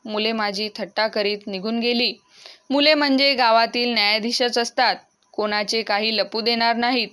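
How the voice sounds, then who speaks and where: A woman reading a classic novel aloud as audiobook narration, steady and expressive. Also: fairly high pitch, normal speed, clean tone.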